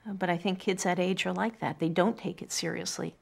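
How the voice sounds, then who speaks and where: A gravelly, lowish voice carries this middle-aged woman's reflective storytelling, steady in tone and fairly quick. Indoors in a quiet furnished room, she earnestly shares personal words, family memories, and a poem.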